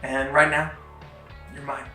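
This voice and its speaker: A grand male superhero rattles off a dramatic line in a bright voice, put on by a man. The sound is roomy and distant, with faint music under it. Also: mid-range voice, little pitch movement, a little slow. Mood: heroic.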